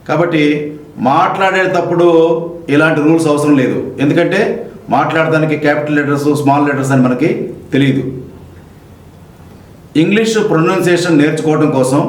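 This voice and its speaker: A man with a Telugu accent teaching spoken English, who spells words out slowly letter by letter and repeats each word with its meaning. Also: fairly high pitch, echoey room, rough recording. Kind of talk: Telugu classroom-style lesson.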